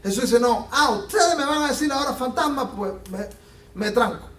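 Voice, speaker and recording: A man preaching a sermon as pastor, animated and acting out the Bible scenes he tells. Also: extremely high pitch, normal speed. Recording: echoey room from a distance.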